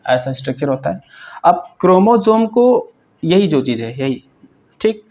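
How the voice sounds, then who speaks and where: A man's voice: fairly high pitch, sing-song, a little slow, mellow. A man teaching a science lesson who asks questions, answers them himself and keeps checking "right?".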